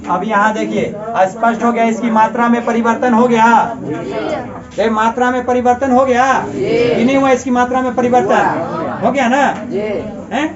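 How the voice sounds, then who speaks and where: A man's voice: very high-pitched, fairly even intonation, normal speed, dull audio, a crowd in the background. A male teacher giving a grammar lesson to a class. He keeps asking questions and repeating the answers as drills.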